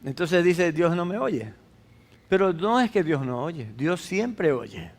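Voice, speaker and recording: A male pastor delivers a sermon in a fairly high voice. He preaches emphatically and keeps asking the congregation rhetorical questions. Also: lively intonation, unhurried.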